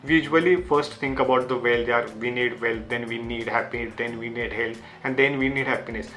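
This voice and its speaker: A young man with a bright, forceful voice and a Marathi Indian accent talks to viewers about life lessons. His non-native English is earnest and simply phrased, with points often repeated. Faint music plays underneath. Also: mid-range voice, fairly even intonation, fairly quick. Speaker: YouTube creator sharing book lessons. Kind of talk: self-help talk to viewers.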